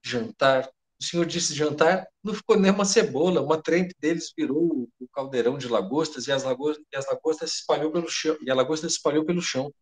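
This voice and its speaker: In a read-aloud tale, a Brazilian Portuguese-accented man voices a panicked middle-aged head cook, using his natural voice pitched fairly high and rattled. The cook babbles his story fast, with few pauses, swearing oaths as he goes.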